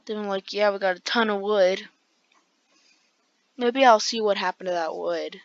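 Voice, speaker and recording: A woman's voice: mid-range voice, moderate pace, no echo, muffled recording. A woman with a groggy voice, rambling through casual gameplay commentary with lots of fillers. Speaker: gaming video creator.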